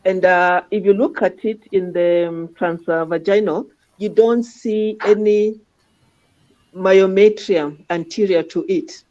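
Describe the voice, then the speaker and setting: Her medium-pitched, warm voice moves slowly with fairly even intonation as she gives informal teaching commentary on scans. She's a radiology teacher guiding a trainee, frequently adding tags such as "huh?" The recording is dull and lo-fi.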